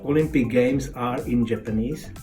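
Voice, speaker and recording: A man from Slovakia answering in broken English, pausing often with fillers. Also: mid-range voice, mellow, soft background music. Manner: hesitant, many fillers and broken phrases. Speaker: interviewee.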